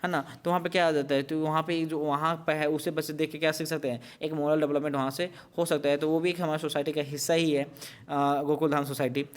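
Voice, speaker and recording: A man leads a revision lesson, his voice sitting a little high and staying smooth and resonant. He speaks with a fairly narrow pitch range, laying out each idea patiently and slipping English words into the explanation. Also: level tone. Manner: explains slowly, mixing English terms into Hindi. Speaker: teacher. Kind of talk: exam revision lecture.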